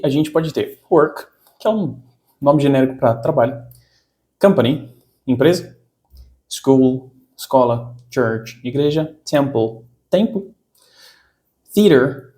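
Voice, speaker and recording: A man's voice: fairly high pitch, mellow. A man from Brazil teaching English vocabulary in a casual online lesson, repeating key words for emphasis.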